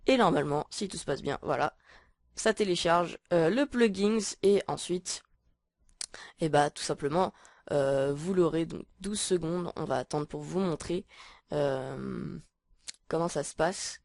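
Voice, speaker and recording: Woman doing a chill screen tutorial, lots of uh and so, lowish voice, dry close sound. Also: a little slow, gravelly, darkish tone, no room sound. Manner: hesitant, full of filler sounds and restarts. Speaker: tutorial maker. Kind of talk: casual screen-recording tutorial.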